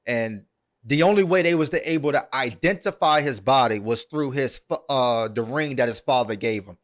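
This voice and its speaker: A man's voice: mid-range voice, normal speed. A man hosting a podcast, retelling a story at length in a casual, earnest way, with many ums and repeated words. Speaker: podcast host.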